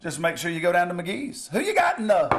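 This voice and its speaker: Playful teasing man, slightly high voice. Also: sing-song, brisk, noisy background. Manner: playful, teasing, rambling with mock-serious asides. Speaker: coach hosting a mock cooking segment. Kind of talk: joking comedy cooking bit.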